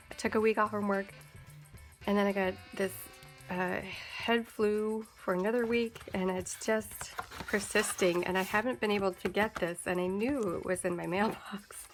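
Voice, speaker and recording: A young adult woman vlogging a casual unboxing of art supplies, gushing and excitable and often breaking into giggles. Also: mid-range voice.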